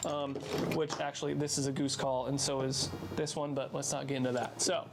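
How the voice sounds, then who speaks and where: A man's voice: medium pitch, little pitch movement, a little fast. A man in his thirties explaining things in a casual, informal, plain-spoken how-to style, sometimes repeating words for emphasis. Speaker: instructor, duck hunter. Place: outdoor covered patio at night. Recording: clear outdoor background noise.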